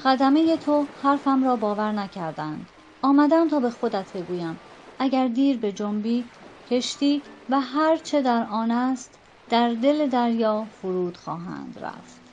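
A woman voicing a calm, mysterious stranger. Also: on the high side, slight background noise, lightly acted. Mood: calm firm. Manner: calm and firm. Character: calm, mysterious male stranger, a world traveller. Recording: dull lo-fi with faint music.

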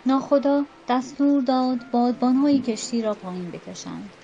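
A woman narrating a storybook tale in an even, measured reading. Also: a little high. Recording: dull lo-fi with faint music.

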